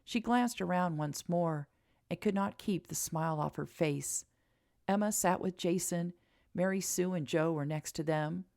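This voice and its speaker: A woman narrating a romance audiobook in a calm, even reading. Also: on the low side, measured pace, vocal fry, no echo, clean studio sound.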